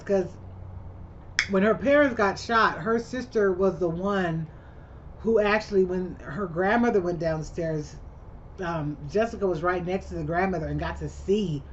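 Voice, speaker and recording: A woman casually recapping a movie for her channel, chatty and rambling, who keeps breaking in with her own reactions. The recording is a little muffled, with a faint hum underneath. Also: medium pitch. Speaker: vlogger.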